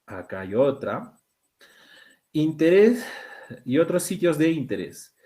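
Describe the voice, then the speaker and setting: Animated Peruvian teacher with lively pitch. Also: male voice. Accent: Peruvian Spanish. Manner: animated, pitch jumps high on key words, slows to sound out words. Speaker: language teacher. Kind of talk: exam-prep class, talking students through questions.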